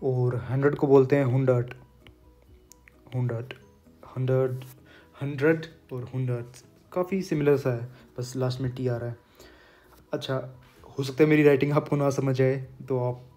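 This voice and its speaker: Patient man teaching pronunciation, flat voice. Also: mid-range voice. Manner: patient, repeats words slowly for pronunciation. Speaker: German language teacher. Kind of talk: explaining lesson while writing on a board.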